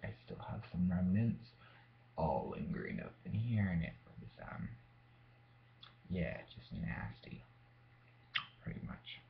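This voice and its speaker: A young man in a casual, rambling rant, sounding tipsy and drawing out his words, recorded indoors at home. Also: sits low. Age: young adult. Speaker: vlogger. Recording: muffled lo-fi home recording, clear background noise.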